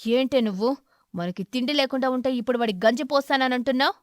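Woman doing loud, harsh crow husband, short-tempered, cartoon tale. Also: sits high, quick pace, dry recording, clean studio sound, natural voice. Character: hot-tempered male crow husband, scolding.

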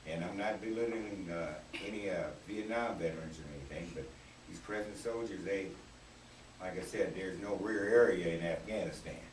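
An older man with a very low voice talks slowly through his memories, pausing often on fillers. The sound is distant and roomy, with faint background hiss. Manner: reflective, halting, many fillers. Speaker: Vietnam veteran panelist. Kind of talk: radio roundtable talk. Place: small radio studio. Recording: roomy, distant camera audio with faint noise.

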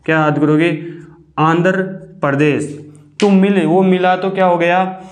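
A man's voice: high-pitched, steady tone, normal speed, a little mellow. A man teaching a classroom lesson, asking questions and answering them himself, stretching out the key words. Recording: echoey room.

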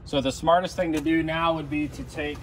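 A middle-aged American man walks through a DIY car repair step by step, plain-spoken and casual. His voice is a little high, fairly even, and brisk. He's outdoors on a patio, driveway and by a car, with clear outdoor ambience in the background.

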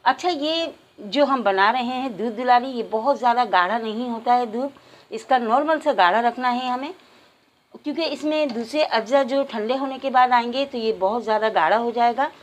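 A woman calmly talking viewers through a home recipe, step by step, as the host of a cooking channel. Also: a little high, normal speed. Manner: calm, instructive, addresses viewers directly.

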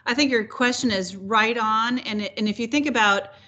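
A woman's voice: fairly high pitch, moderate pace, sharp tone, muffled recording. A middle-aged woman hosting and moderating a video call, conversational and encouraging. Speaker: host, moderator.

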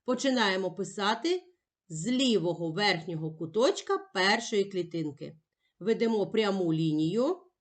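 A woman teaching young children in a patient, emphatic way, sounding out each letter slowly. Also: mid-range voice. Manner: patient, sing-song and emphatic, spelling out sounds one by one. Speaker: primary school teacher. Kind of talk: slow, clear classroom instruction for young children.

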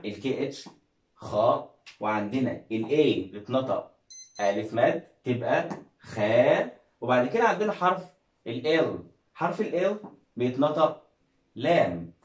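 A man's voice: mid-range voice, echoey room, poor audio. A man with an Egyptian Arabic accent teaching an English reading lesson, coaxing viewers with questions and praise. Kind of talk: classroom-style video lesson.

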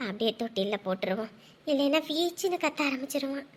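An actress playing a young mother who coos and hums softly to her crying baby. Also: very high-pitched, very animated, moderate pace, exaggerated voice. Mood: tender. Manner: soft, cooing, sing-song. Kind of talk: Tamil family drama acting.

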